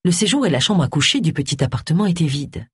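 A woman narrating an audiobook in an expressive, varied reading style. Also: low voice, fast, breathy edge, dry recording, studio quality.

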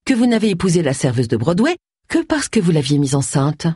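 A blunt, nosy amateur sleuth who keeps pressing people with questions, voiced by a woman reading the story. Her delivery is insistent and rises and falls a lot. The voice is husky and dry. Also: low-pitched, very animated, brisk, mellow, dry recording, full character voice.

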